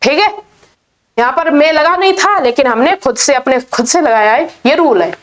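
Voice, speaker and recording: A woman's voice: sits high, animated. A woman teaching an English grammar lesson in Hindi, patiently repeating each rule. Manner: slow, patient, repeats key points.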